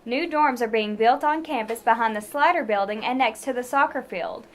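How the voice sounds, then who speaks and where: A young woman with a fairly high, clear voice reads campus news from a script at a normal speed. She sounds even and polished, much like a student news anchor.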